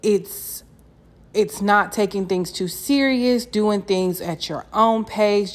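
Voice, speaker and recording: A woman's voice: fairly low pitch, darkish tone. A young woman chatting casually as a solo podcast host, candid and slangy, swearing freely and repeating phrases for emphasis. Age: young adult.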